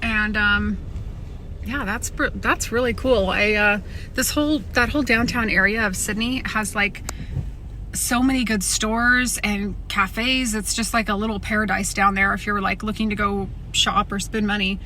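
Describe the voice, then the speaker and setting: A young American woman films herself for a travel vlog and sounds worn out. She talks loosely and rambles, with plenty of ums and restarts, at an ordinary mid pitch. Clear background noise and car sounds sit under her phone recording. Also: steady tone, moderate pace, pushed and bright. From United States. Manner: chatty, tired and rambling, many fillers and restarts. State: exhausted. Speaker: travel vlogger.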